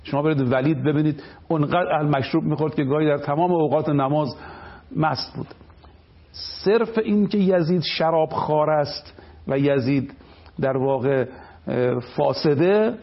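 A male cleric lectures in a slightly high voice, pressing his points with emphatic explanation. The broadcast audio is dull and lo-fi, as if the highs were muffled. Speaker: cleric guest. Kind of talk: religious lecture on television.

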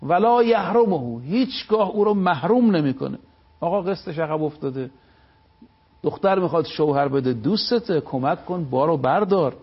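A man giving a religious talk on a live TV program. He tells moral stories and recites sayings slowly, stressing each word. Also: on the high side, animated, husky, dull audio. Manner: preaching, storytelling, slow stressed recitation of sayings. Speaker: religious speaker.

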